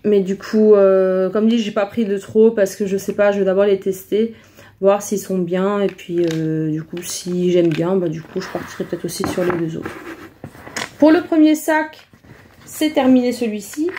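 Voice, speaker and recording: Casting: woman vlogger, relaxed warm tone, chatty haul talk, faint background hiss. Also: medium pitch, normal speed. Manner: chatty, hesitant, many fillers. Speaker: vlogger showing a shopping haul. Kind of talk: casual haul vlog chat.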